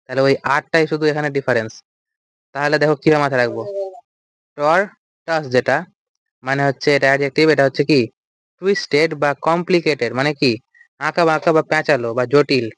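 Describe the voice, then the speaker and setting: A man's voice: on the high side, a little fast, pauses often, fairly bright tone, clean tone, no echo. A man teaching an English vocabulary lecture, explaining step by step and asking and answering his own questions. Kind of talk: recorded lecture.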